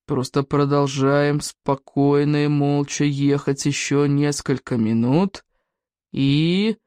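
Reader doing a booming, bossy Viking teacher. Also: fairly even intonation, slow pace, a little mellow, clear, resonant tone, dry recording, studio quality, close to an everyday voice. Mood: hearty. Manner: booming, commanding. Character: loud gruff bossy Viking teacher, older man.

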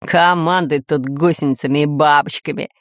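A woman voicing a greedy, scheming male pirate who is a sidekick and sometimes talks in a hushed, plotting way. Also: low-pitched, fairly even intonation, normal speed, dry recording, studio quality, lightly acted.

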